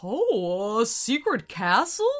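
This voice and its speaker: A woman's voice: fairly high pitch, huge pitch swings, slow pace, soft background music, exaggerated voice. A woman voicing a timid whale in a children's story, talking in a hesitant, worried way. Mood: nervous. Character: timid nervous whale who fears the dark.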